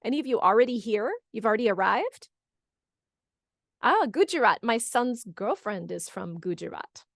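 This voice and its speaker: With big pitch swings and a creaky edge, this middle-aged woman from California speaks at normal speed on the high side while hosting a casual webinar on a video call. She reads out audience comments, encourages everyone, and repeats answers back, in clean studio sound with no echo.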